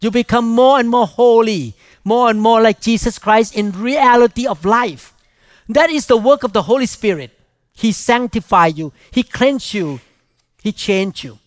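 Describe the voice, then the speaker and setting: Older male preacher, Thai accent, high voice, dry close sound, emphatic short phrasing. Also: unhurried, no room sound. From Thailand. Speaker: pastor preaching. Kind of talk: sermon.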